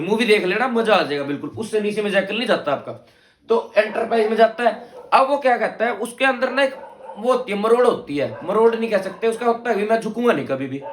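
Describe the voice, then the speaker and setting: A man's voice: sits high, echoey room, slight background noise. A young man teaching an exam lecture, quizzing his students and using playful movie references. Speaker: exam tutor. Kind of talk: mnemonic-driven exam lecture.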